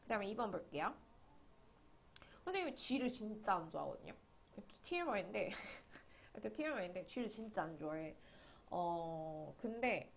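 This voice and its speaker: Young female teacher, mid pitch, talkative lecture voice that keeps checking in with students. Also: slight background noise. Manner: chatty, asks students to confirm often. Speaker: English teacher. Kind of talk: online grammar lecture.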